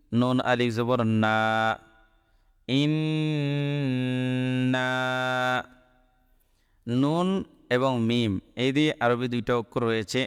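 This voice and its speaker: A man teaching how to recite a short Quran chapter, spelling out each letter and vowel mark before chanting the verse in long, drawn-out tones. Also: medium pitch, smooth. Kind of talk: slow recitation lesson. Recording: long echoing reverb.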